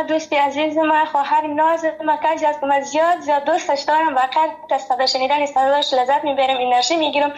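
High-voiced Afghan woman, effusively affectionate caller. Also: rough recording. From Farah province, Afghanistan. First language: Pashto. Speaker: regular caller to a radio programme. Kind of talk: casual radio phone-in chat.

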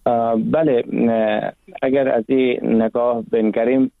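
A man's voice: medium pitch, flat delivery, creaky, no echo. A man, a guest on a radio interview, explaining religious law at length in a lecturing way with frequent hesitations. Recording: tinny phone line.

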